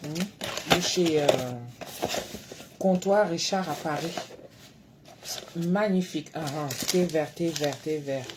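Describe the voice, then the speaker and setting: Low-voiced woman chatting on a live stream. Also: fairly even intonation, takes it slowly, pauses often, heavy background noise. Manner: reads out and answers viewers by name. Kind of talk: casual live-stream chat. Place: her home at night, indoors.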